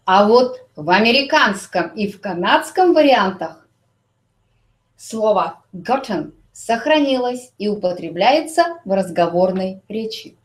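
A woman teaching an English grammar lesson, explaining slowly and repeating English example sentences. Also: medium pitch, lively intonation.

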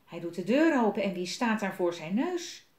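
A woman's voice: medium pitch, normal speed, reverberant. A woman reading a picture book aloud to children, chatting and asking them questions between pages. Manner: lively, chatty, questions for kids. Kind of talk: picture-book read-aloud with asides to the listener.

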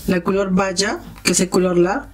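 A woman's voice: medium pitch, steady tone, normal speed. A woman with a Spanish accent, a beauty vlogger chatting playfully through a makeup tutorial with cheerful exclamations.

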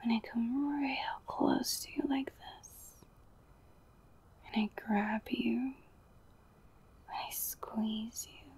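A young woman whispering an intimate ASMR roleplay, slow and soothing, softly domineering and coaxing. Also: a little high, fairly even intonation, husky. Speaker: audio roleplay performer.

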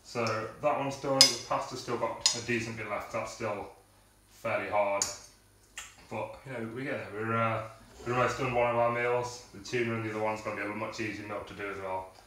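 A man's voice: fairly low pitch, fairly even intonation, brisk. Young man rambling in an echoey kitchen. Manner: chatty and rambling, full of fillers. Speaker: fitness vlogger. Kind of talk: casual video diary. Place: small home kitchen. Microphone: camera mic from across the room. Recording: echoey kitchen, camera far off, noisy.

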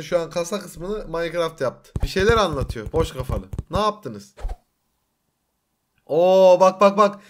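A young man with a Turkish accent giving an excited reaction commentary, with loud exclamations, laughs and teasing slang. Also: high voice, a little hiss or hum. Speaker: YouTuber reacting to an animation.

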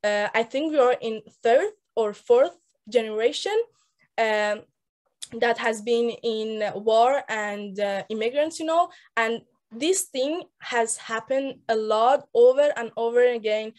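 A 19-year-old woman from Afghanistan, raised in Iran, tells a personal story in Persian-accented English on a group mentorship video call from an indoor room. Her somewhat high, darkish voice comes through a laptop webcam mic, earnest and halting, with many restarts.

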